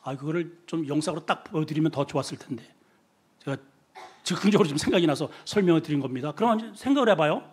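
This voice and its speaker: Male pastor, middle-aged, husky and high-pitched, lively sermon delivery. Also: quick pace. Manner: animated preaching with acted quotes, shifts to soft prayerful tone. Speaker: senior pastor.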